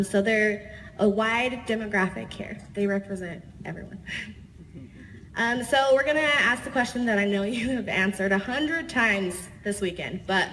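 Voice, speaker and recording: A woman's voice: mid-range voice, a bit bright. Woman, panel moderator, upbeat, reverberant hall, faint hum. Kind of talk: hosting a live panel.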